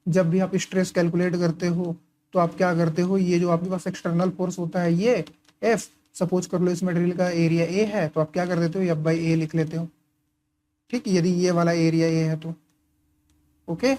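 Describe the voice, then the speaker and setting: A man's voice: little pitch movement, moderate pace, mellow. A man tutoring engineering students in a casual lecture, often posing questions and answering them himself while checking in with "okay" and "right". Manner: keeps asking and answering his own questions, frequent "okay" and "right" check-ins; writes and highlights while talking. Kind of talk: casual lecture explaining course material.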